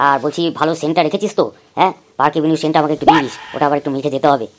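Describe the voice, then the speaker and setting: Woman doing a lazy cartoon god dad, low and gruff, talks super fast, always hungry and grumbly. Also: lightly acted. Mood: easygoing. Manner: rambling, grumbling, easygoing. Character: lazy, sleepy, food-loving male god father. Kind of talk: cartoon voice acting.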